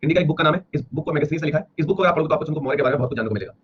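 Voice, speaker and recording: An Indian man lectures a history class at a rapid clip, repeating each point as he explains it. His voice sits a little high for a man. The recording is dull and lo-fi, with faint classroom ambience behind him. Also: a little hiss or hum. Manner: rapid, repetitive explaining, slowing to read English lines aloud. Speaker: history teacher. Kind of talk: classroom lecture mixing Hindi and English.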